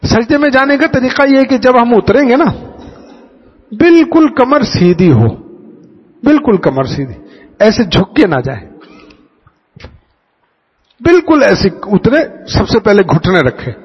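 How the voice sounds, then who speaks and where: Male religious teacher, high, animated voice, slightly husky; dull lo-fi audio with a long hall reverb. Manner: demonstrative, addresses students directly; repeats key points in a drilled way. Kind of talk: teaching a class how to pray.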